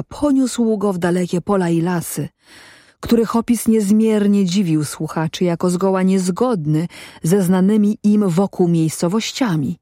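A narrator reading an old-fashioned story as an audiobook in a measured, even way. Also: medium pitch, no echo, studio quality.

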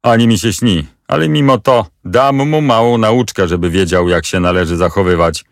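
A man's voice: fairly low pitch, moderate pace, dry recording, studio quality, close to an everyday voice. A man voicing a stern, scornful guard who talks in a dismissive, curt way.

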